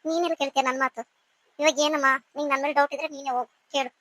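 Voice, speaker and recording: A woman voicing a very high-pitched college girl. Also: fairly even intonation, pushed and bright, dry recording, low-quality recording. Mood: bickering. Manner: quick back-and-forth, scolding and pleading. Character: young female college students, chatty and emotional. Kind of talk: cartoon voice acting.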